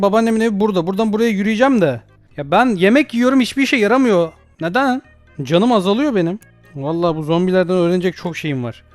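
A young man doing jokey let's play commentary, panicking, yelping for help and joking at the game. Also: high-pitched. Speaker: gaming YouTuber.

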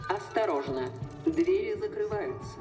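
A woman voicing a female train announcement heard over the intercom, slow and measured. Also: extremely high pitch, huge pitch swings, mellow, faint music behind, full character voice. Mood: announcing.

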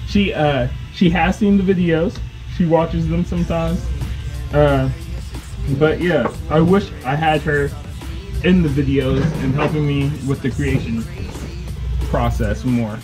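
A young man vlogging from his home kitchen, chatting casually and relaxed to the camera, laughing at himself now and then. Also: fairly high pitch, a little slow, rough recording. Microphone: camera on a counter, close. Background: background music.

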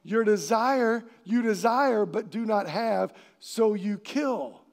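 Animated high-voiced male pastor preaching. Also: takes it slowly. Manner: animated, acts out quoted voices and shouts for emphasis. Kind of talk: sermon. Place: church sanctuary.

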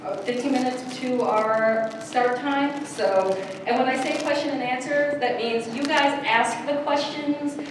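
A woman's voice: high voice, measured pace. A woman moderating a convention panel, joking and playful as she sets the rules and asks for examples. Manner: playful, joking, laughs often. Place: large echoey convention room. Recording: echoey hall recording from far off, with noise.

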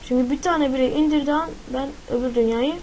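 A high-voiced woman talks through her gameplay as she goes, jittery and foul-mouthed whenever a threat appears. A light hiss sits under her home recording. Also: fast, a little mellow, rough recording. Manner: frightened, swears a lot, shrieks in panic. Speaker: gaming YouTuber. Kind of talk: live gameplay commentary.

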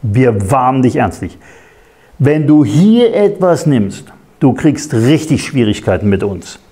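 A man's voice: mid-range voice, big pitch swings, unhurried, mellow, voice pushed down. A man preacher voicing the enemy as a tempter, taunting and threatening the listener. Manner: taunting, mocking warnings. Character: whispering enemy tempter, male, scornful and threatening.

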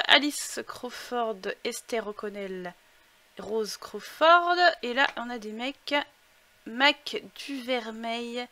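A young woman narrating her gameplay through a headset mic in a relaxed, slow-paced chat. Her voice sits high and sounds bright. She breaks into excited outbursts now and then. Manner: chatty, excitable outbursts, thinks aloud. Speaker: gaming YouTuber. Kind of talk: casual let's-play commentary.

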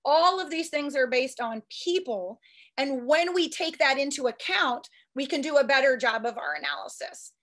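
A woman who is a statistics professor giving a quick, eager conference talk with frequent restarts. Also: high voice, expressive, a bit bright. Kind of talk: fast conference presentation.

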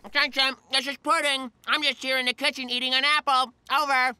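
High-pitched, easygoing boy kitten. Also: flat delivery, brisk, pushed and bright, clear, resonant tone. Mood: matter-of-fact. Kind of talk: children's cartoon dubbing. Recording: music under the voice.

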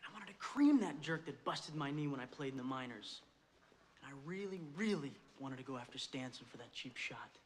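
An American actor in his thirties playing an earnest youth hockey coach giving an emphatic, deliberate halftime pep speech in a film. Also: on the high side, sharp tone, breathy edge. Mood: earnest, sober. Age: 30s. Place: locker room. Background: film score music.

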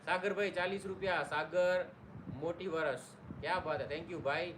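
A man's voice: on the high side, steady tone, normal speed. A man hosting a casual live stream, greeting viewers by name and joking along. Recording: noisy room ambience.

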